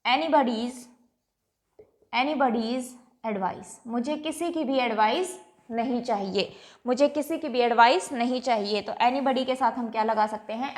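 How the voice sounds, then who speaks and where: A woman teaches English grammar at the board. She repeats each point, stretches out the example words slowly, and keeps asking the class whether it is clear. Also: fairly high pitch. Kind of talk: classroom lecture. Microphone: writing on a board.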